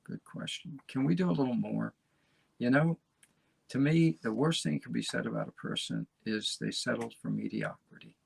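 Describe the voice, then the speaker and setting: Gravelly, folksy man in his seventies. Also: medium pitch, big pitch swings, moderate pace, no echo, poor audio. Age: 70s. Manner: rambling, folksy, encouraging. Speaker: podcast host. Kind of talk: motivational casual talk.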